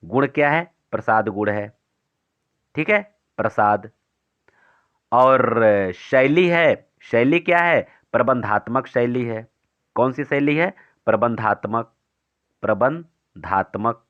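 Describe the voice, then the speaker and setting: A man teaching a Hindi poetry lesson for exam students, explaining step by step and asking and answering his own questions, and reciting verse slowly. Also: mid-range voice, smooth, highs cut off.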